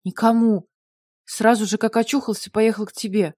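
A distraught, tearful young husband spills out his words in an agitated, pleading rush, as a woman reader puts him on. The voice stays mellow and warm at the bottom, and the sound is dry and close, like a small recording booth. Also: a little high, fairly even intonation, moderate pace, slightly rough, no echo. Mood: panicked. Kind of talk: audiobook character voice.

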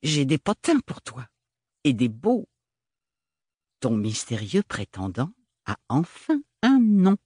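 A man's voice: medium pitch, wildly swooping pitch, takes it slowly, pauses often, darkish tone, husky, dry recording, studio quality, exaggerated voice. A man voicing an effusive, coquettish young woman, the theatrical elder sister, in an audiobook. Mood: gushing, bossy. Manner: theatrical, gushing and bossy.

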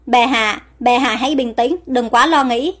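A woman's voice: a little high, moderate pace, fairly bright tone, soft background music. A woman reading the lines of an anxious court attendant who speaks worriedly in an audio storybook. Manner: worried and soothing.

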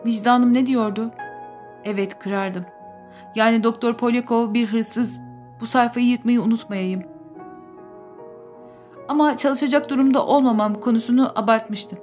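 A woman reading a first-person audiobook in a measured, subdued way. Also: fairly high pitch, fairly even intonation, a little mellow, faint music behind. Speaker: audiobook narrator.

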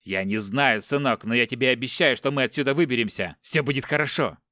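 A man's voice: medium pitch, fairly quick, sharp tone, dry recording, clean studio sound, close to an everyday voice. A man voicing a tough middle-aged father held captive, firm and reassuring. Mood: tense.

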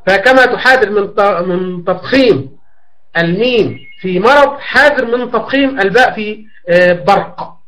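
High-voiced man teaching Quran recitation. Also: fairly bright tone, rough recording. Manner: slow, drawn-out demonstration of letters and words; patient explaining with frequent pauses and fillers. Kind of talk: tajweed lesson explaining a classical poem.

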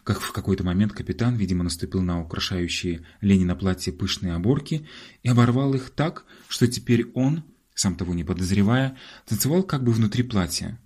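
Male audiobook narrator, low pitch, husky, measured, ironic. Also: darkish tone. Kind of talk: scripted narration.

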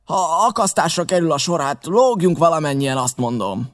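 A man voicing a violent, gruff old sea captain who shouts his demands. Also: a little high, lively intonation, voice pushed up, natural voice. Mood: raging.

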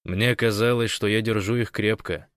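A man voicing a sly, scheming man who feigns meekness, speaking soft and wheedling in an audiobook. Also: on the low side, fairly even intonation, normal speed, no room sound, studio quality, close to an everyday voice. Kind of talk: audiobook character voice.

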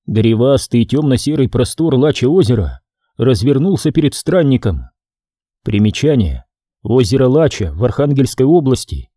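Field: expressive male audiobook narrator. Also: medium pitch, no echo, clean studio sound. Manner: expressive, measured storytelling.

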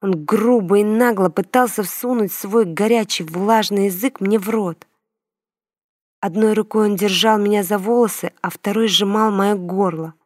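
A woman's voice: medium pitch, normal speed, a little mellow, dry recording, studio quality. A woman narrating a first-person story as an audiobook, reading expressively with emotion.

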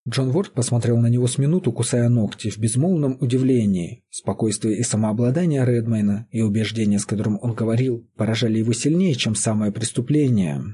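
A man reading an audiobook in a measured, even narration. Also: mid-range voice, breathy edge. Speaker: audiobook reader. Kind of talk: scripted narration.

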